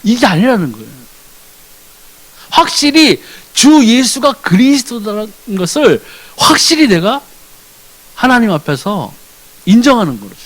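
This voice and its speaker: A man, a church deacon, preaching a sermon in an animated way, firing rhetorical questions at the congregation. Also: very high voice, measured pace, pauses often, rough recording. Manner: acts out short dialogues with changed voices.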